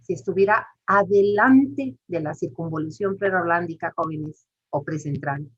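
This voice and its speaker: A woman's voice: fairly low pitch, moderate pace, husky. A woman, teaching a class step by step and putting questions to the students. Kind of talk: lecture. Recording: muffled lo-fi recording.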